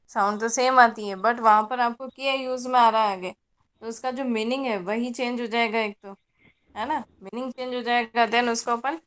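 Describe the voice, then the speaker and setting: A woman's voice: on the high side, a bit bright. A woman teacher giving an online class lecture, patiently explaining and checking in with her students.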